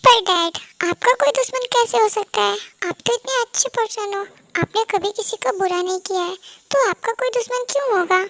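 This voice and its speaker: A woman's voice: extremely high pitch, moderate pace, a bit bright, dry recording. A woman voicing an anxious, sensitive young son who pleads and frets in a fan-dub audio drama. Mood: pleading. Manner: pleading, worried, fretful questioning.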